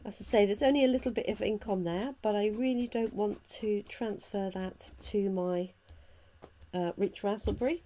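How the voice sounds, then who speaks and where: Female craft demonstrator, croaky and hoarse, soft dark tone, casual step-by-step chat, faint background noise. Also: mid-range voice, moderate pace. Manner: chatty, talking through each step while working. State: hoarse from illness. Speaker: craft demonstrator hosting a live stream. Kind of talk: casual live craft tutorial. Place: at a craft table indoors.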